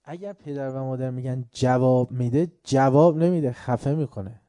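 A man's voice: mid-range voice, dark tone, dry recording, clean studio sound. A man giving a religious lecture on upbringing, emphatic and repetitive, asking rhetorical questions and acting out folk anecdotes. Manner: emphatic, repeats word lists, asks rhetorical questions.

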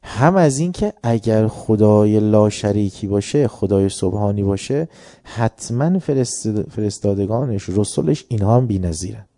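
A man preaching a religious sermon with passion, often swelling loud and then dropping low. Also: lively intonation, no echo, clean studio sound.

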